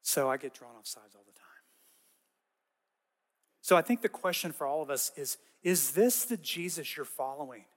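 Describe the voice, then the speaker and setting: A man preaches in a relaxed, conversational way, spinning stories with lively asides. His voice sits a little high for a man. The sound carries a long reverb from a large church hall. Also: normal speed, long pauses. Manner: casual, animated storytelling with frequent "like" asides. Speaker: pastor. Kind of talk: conversational sermon.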